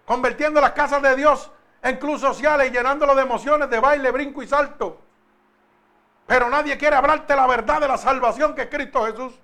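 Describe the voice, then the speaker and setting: A man preaching a sermon, talking with the congregation and asking them questions, then slowing down and stressing each word when he reads scripture. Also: extremely high pitch, steady tone, sharp tone. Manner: slow, emphatic when reading scripture.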